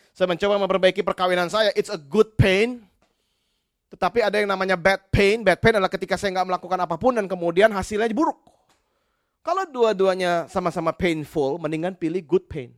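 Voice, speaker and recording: A middle-aged man from Indonesia preaching an animated sermon, telling stories and mixing English phrases into his talk. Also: high-pitched. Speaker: pastor. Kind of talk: sermon with storytelling.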